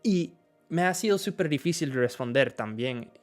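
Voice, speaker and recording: A young man teaches during a livestream, greeting viewers by name. His voice sits a little high and moves with lively, animated pitch. Faint music plays behind him. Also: normal speed. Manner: switches between Spanish and English, greets viewers by name. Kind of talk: live Spanish-language English lesson.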